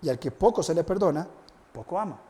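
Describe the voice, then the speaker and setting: A male pastor delivering a sermon with a voice pitched a little above most men. He speaks reflectively and earnestly, posing questions to his listeners and dwelling slowly on scripture. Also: lively intonation, mellow. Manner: reflective, with rhetorical questions and slow scripture reading.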